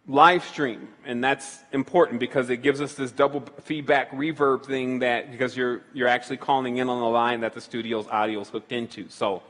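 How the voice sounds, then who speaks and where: A man's voice: mid-range voice, fairly bright tone, in a large hall. A man hosting a call-in show, speaking in a loose, rambling way with many restarts. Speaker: radio show host taking calls. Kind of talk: casual call-in talk.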